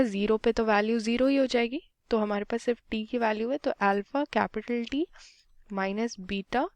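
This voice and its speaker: A woman, slowly working through a physics problem step by step in a mix of Hindi and English. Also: a little high, no echo. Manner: unhurried, mixes Hindi and English, talks through each step aloud. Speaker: physics tutor. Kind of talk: slow step-by-step problem solving.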